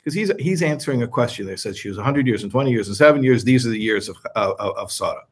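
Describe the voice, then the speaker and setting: A man's voice: mid-range voice, expressive, quick pace, slightly rough. A man teaching a religious text to a class, talking in short bursts and stopping to explain each term. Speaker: Torah teacher.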